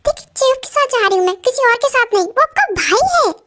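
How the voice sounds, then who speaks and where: A woman's voice: very high voice, expressive, fast talker, fairly bright tone, pitched above the performer's own voice. A woman voicing a devoted young wife who is a college student, coaxing and pleading, in an amateur voice-over drama.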